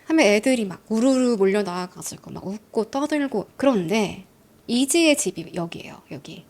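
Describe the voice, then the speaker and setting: A woman telling a true-crime story in a lively, chatty way, speaking straight to her listeners. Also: medium pitch, moderate pace.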